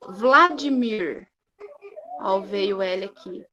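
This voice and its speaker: A Brazilian woman teaching a recorded lesson in a slightly high voice. She talks very slowly and stretches out each syllable. She keeps checking in with her students as she goes. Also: lively intonation, highs cut off. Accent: Brazilian Portuguese. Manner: slow, drawn-out syllables with frequent "né?" and "tá?" checks.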